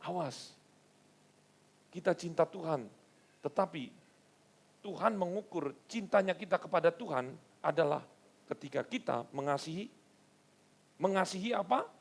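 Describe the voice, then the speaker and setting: A male pastor preaching a sermon, animated and storytelling, with rhetorical questions to the congregation. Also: a little high, measured pace, creaky, pauses often.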